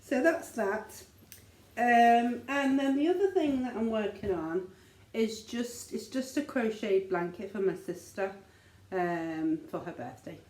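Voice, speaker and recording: Easygoing middle-aged Scouse mum, echoey. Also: female voice, a little high, expressive, unhurried, a little mellow. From Liverpool, England. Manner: rambling, easygoing, filler-heavy. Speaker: flosstube co-host, mother. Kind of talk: casual chat.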